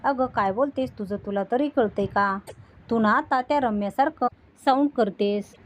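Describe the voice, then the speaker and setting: Angry young guy snapping back read by a woman, curt lines, her normal slightly high voice. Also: normal speed, natural voice. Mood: irritated. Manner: short, irritated retorts.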